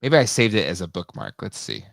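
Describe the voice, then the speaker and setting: A man's voice: deep voice, huge pitch swings, a little fast, vocal fry, no echo, studio quality. A man hosting a casual talk show, rambling with lots of fillers and restarts. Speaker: podcast host. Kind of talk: casual chat.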